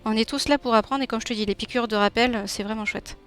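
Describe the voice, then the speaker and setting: A young streamer and illustrator from Nîmes, with a southern French accent, chats warmly with viewers while drawing live, laughing often and reading chat aloud. Her voice is on the high side, smooth and steady in tone, at a quick pace, with soft background music.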